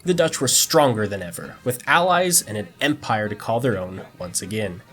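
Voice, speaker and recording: A man's voice: fairly low pitch, expressive, moderate pace, a bit bright, soft background music. A man narrating a strategy game campaign in a mock-dramatic storytelling tone, breaking it with dry joking asides.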